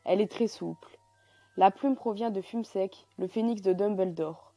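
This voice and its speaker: Young woman, casual vlogger listing fan facts; mellow, unpolished delivery, faint music bed. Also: mid-range voice, no room sound. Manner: lists facts in numbered points, chatty, slightly halting. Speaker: youtuber. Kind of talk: casual fan explainer vlog.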